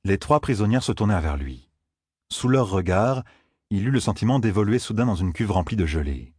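A man narrating an audiobook in a measured storytelling manner. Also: fairly low pitch, animated, a little mellow, slightly rough, dry recording, clean studio sound. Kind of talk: scripted narration.

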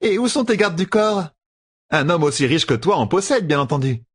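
A man voicing a cold, sly female merchant who mocks and pries, pitched far above his own voice. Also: big pitch swings, normal speed, husky. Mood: mocking. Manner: mocking, probing.

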